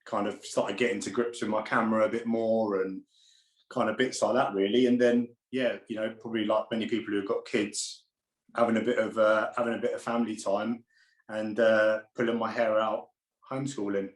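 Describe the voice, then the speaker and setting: Male guest, low voice, lively storyteller who laughs easily; echoey room. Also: fairly quick. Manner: laughing storyteller, animated anecdotes. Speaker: interview guest. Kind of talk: casual interview chat. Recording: roomy echo.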